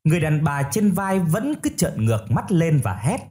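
A man narrating a first-person ghost story in a steady storytelling manner. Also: fairly high pitch, normal speed.

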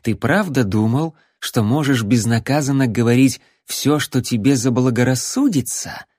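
A man voicing a calm female vampire princess who speaks softly and slowly, savoring her menace. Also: mid-range voice, husky, no room sound, clean studio sound, natural voice. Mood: mysterious. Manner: slow, soft and mysterious.

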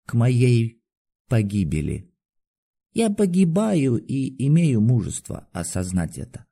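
A man reading an audiobook voices a distraught aging doctor who yells shrilly and sinks into bitter despair. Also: mid-range voice, moderate pace, close to an everyday voice. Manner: shouting shrilly, then bitter and resigned.

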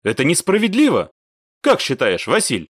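A man's voice: on the high side, huge pitch swings, normal speed, husky, no room sound, studio quality, pitched above the performer's own voice, exaggerated voice. A man voicing a cocky, mocking young male soldier in an audiobook. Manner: teasing, smirking.

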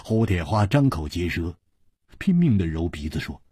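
A man narrating a martial-arts story with vivid, dramatic flair. His husky voice swings widely in pitch, and the sound is dry and close. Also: sing-song, moderate pace, mellow, no echo. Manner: vivid, wide-ranging dramatic delivery.

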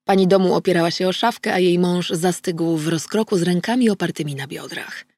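A woman narrating a first-person audiobook in a steady, measured way. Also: fairly low pitch, dry recording.

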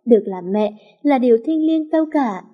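A woman's voice: high voice, lively intonation, normal speed, dull audio. A woman narrating a family story in an emotive way, speaking to listeners.

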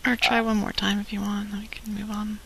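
A producer murmuring quiet instructions from away from the microphone, half whispered. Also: medium pitch, level tone, fairly quick, gravelly, a little hiss or hum, poor audio. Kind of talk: off-mic whispered asides. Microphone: off-mic, away from the microphone.

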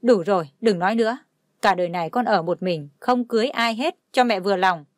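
A woman's voice: medium pitch, a little fast, no echo, studio quality, natural voice. A woman voicing a drunk, heartbroken young man who slurs and lashes out in anger. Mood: furious. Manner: slurred, bitter shouting.

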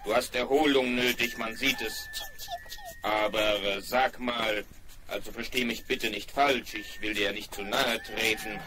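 A man's voice: on the low side, steady tone, unhurried, lightly acted. A man voicing a cautious, well-meaning toy friend in a 1970s radio play, worried and hesitant as he gives advice. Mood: concerned. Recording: hissing old vinyl record.

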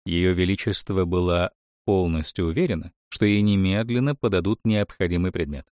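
A man narrating a fairy tale in an expressive, animated storytelling manner. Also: low-pitched, moderate pace, dry recording, clean studio sound.

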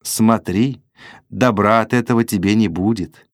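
A male narrator voicing a lazy, indifferent young woman who answers flatly and sleepily in an audiobook. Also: extremely low pitch, measured pace, no echo, studio quality. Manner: flat, dismissive, yawning.

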